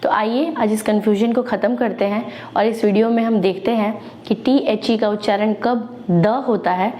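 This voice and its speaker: A woman teaching English pronunciation at a whiteboard, speaking slowly, spelling out words and examples, with fillers and self-corrections. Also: mid-range voice, fairly even intonation, highs cut off. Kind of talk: classroom lesson at a whiteboard.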